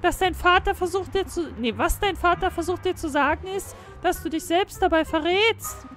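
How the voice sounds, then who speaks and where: A woman doing a high, gushing ghost mother. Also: normal speed, a bit bright, faint music behind. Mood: fond.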